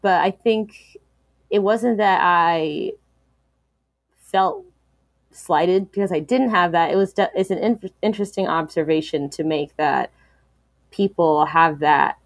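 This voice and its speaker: Woman, interview guest, low-pitched, dry close sound, thoughtful, halting, candid. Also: steady tone, no room sound. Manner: reflective, frequent fillers and restarts.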